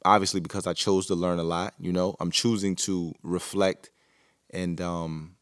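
A podcast host delivers a casual solo monologue in a low, level male voice at normal speed. He rambles reflectively, full of fillers and restarts, and the recording is clean studio sound with no room noise.

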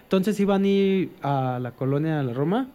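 Mellow high-voiced guy telling stories. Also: animated, moderate pace, clear, resonant tone. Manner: rambling, self-mocking. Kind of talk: casual podcast storytelling.

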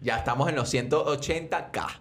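A man's voice: medium pitch, brisk, creaky, a crowd in the background. A young man, co-hosting a podcast, playful and teasing. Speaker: podcast co-host. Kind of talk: casual chat.

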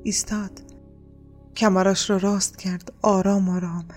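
Woman, audiobook narrator, soft hushed reading, breathy, mid pitch. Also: level tone, soft background music.

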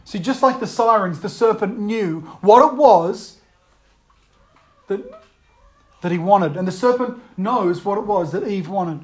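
A preacher giving a sermon, reading old verse slowly and acting out the voices of tempters. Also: mid-range voice, lively intonation.

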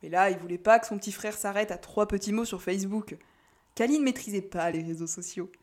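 A woman narrating a novel in a calm, measured reading voice. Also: medium pitch. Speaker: audiobook narrator. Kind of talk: scripted narration.

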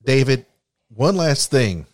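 A man's voice: mid-range voice, big pitch swings, takes it slowly, darkish tone, dry recording, clean studio sound. A man hosting an interview show, talking in a friendly way with some fillers. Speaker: podcast host.

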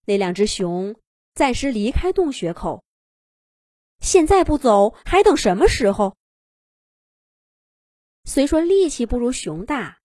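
Storyteller, woman, expressive children's narration, slightly high voice, dry close recording. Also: no room sound.

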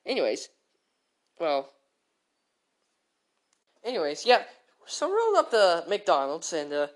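A brash boy who thinks he is cool, as a woman puts him on, heard through a voice changer that morphs the voice into a deep, unnatural register. He drawls at a slow pace, rambling and bossing others around. The sound is a playful home skit, with the voice sliding far below its natural height. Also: wildly swooping pitch, exaggerated voice. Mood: smug. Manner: bossy, rambling, full of fillers. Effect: voice changer pitching the voice far down.

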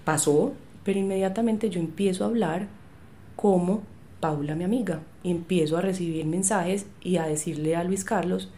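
A woman's voice: fairly low pitch, moderate pace, dark tone, slight background noise. A woman, telling her story as an interview guest and acting out the dialogue she recalls. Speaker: medium, podcast guest.

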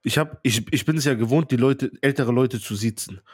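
A man's voice: medium pitch, a little fast, husky, no echo, clean studio sound. A man co-hosting a podcast, telling a story earnestly and unhurriedly in casual chat. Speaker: podcast co-host.

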